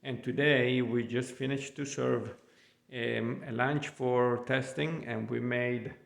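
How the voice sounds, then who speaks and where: A middle-aged Italian chef with an Italian accent gives a casual cooking vlog walk-through outdoors by the Gulf of Mexico in Florida. He rambles through his food in hesitant English, full of ums and uhs. His voice is medium-pitched with vocal fry, fairly even intonation, and a slow pace.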